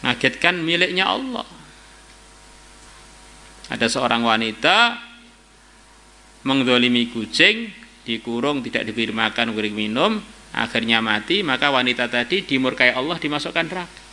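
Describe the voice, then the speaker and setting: A man preaching an Islamic study sermon, telling stories lively and exclaiming as he teaches. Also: medium pitch, moderate pace, long pauses. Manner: storytelling preacher, voices quoted figures and exclaims. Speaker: kyai teaching a religious book. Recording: faint background noise and hum.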